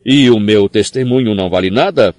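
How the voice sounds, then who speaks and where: A man's voice: fairly low pitch, animated, moderate pace, no room sound, natural voice. A man reading an audiobook, voicing a cold male professor who sneers and snarls. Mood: contemptuous. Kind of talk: audiobook character voice.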